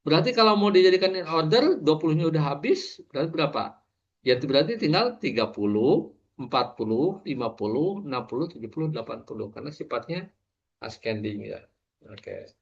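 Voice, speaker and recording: A man's voice: on the high side, expressive, fairly quick, gravelly, breathy edge, muffled recording. A man, lecturing an online class over a video call, walking through each step with many fillers and asides.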